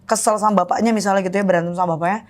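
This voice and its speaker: A woman's voice: medium pitch, fairly even intonation, racing, slight background noise. A woman guest on a podcast, candidly telling stories about her children and mixing in English phrases. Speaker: podcast guest, actress and mother. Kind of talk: casual podcast chat.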